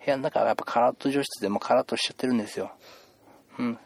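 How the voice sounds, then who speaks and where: A man's voice: mid-range voice, very fast, creaky, no room sound. A man playing a chatty male doctor who rambles with puns and mock-stern scolding, in an improvised comedy role-play. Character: chatty joking male doctor seeing patients.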